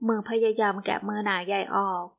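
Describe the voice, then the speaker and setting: A woman's voice: mid-range voice, flat delivery, fairly quick, creaky, phone-quality sound. A woman reading a romance novel aloud as an audiobook narrator, voicing all the characters herself.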